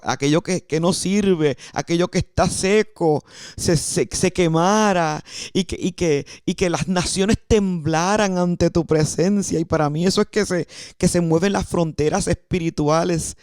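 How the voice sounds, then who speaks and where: A woman's voice: low voice, darkish tone, dry recording. Dry-voiced Puerto Rican woman preaching. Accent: Puerto Rican Spanish. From Puerto Rico. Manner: emphatic, repeats key phrases. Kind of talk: sermon.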